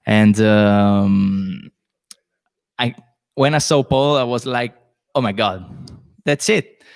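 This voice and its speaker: This late-twenties podcast host and musician from Rome talks slowly in a fairly low voice with vocal fry, recorded dry at studio quality. Hosting a live solo Q&A stream with an Italian accent, he's chatty but hunts for words, leaning on many fillers.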